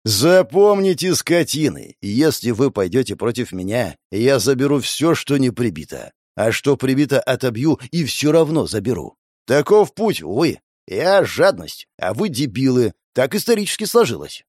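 Sardonic man with a lively voice. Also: mid-range voice, normal speed, hardly any pauses, no echo, studio quality. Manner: sardonic, mocking. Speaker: audiobook narrator. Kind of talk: first-person audiobook narration.

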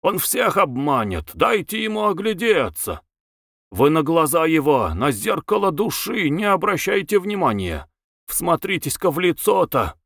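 A man reading aloud and voicing a soft-hearted, sly older uncle who speaks in a secretive, coaxing way. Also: on the high side, huge pitch swings, a little slow, vocal fry, hardly any pauses, breathy edge, dry recording, studio quality, voice pushed up, exaggerated voice.

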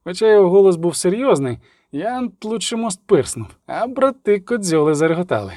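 A man's voice: high-pitched, fairly quick, no echo. A man reading an audiobook, dry and close. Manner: steady storytelling read, acting out characters. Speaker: audiobook narrator. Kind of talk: scripted audiobook narration.

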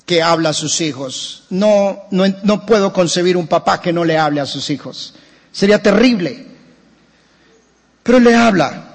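Animated Colombian pastor in a reverberant church. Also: male voice, fairly high pitch. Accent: Colombian Spanish. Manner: animated preaching with humorous anecdotes. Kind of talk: sermon.

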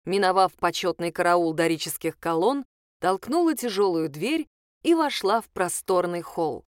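A woman narrating an audiobook in an expressive storytelling manner. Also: on the low side, moderate pace, no echo, clean studio sound. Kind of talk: scripted narration.

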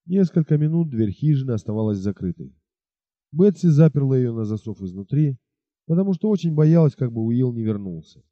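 A man narrating an audiobook in an expressive storytelling manner. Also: mid-range voice, a little fast, no echo, muffled recording.

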